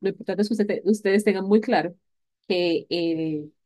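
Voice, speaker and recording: A woman's voice: medium pitch, normal speed, dark tone. A woman teaching an English grammar lesson to a class, explaining patiently and checking in with her students often. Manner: patient, repeats key points, asks "¿vale?" often. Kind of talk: recorded class lecture.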